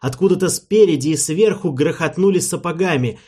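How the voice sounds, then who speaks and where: A man narrating an audiobook in a measured, storytelling manner, with a husky voice. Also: fairly high pitch, mellow.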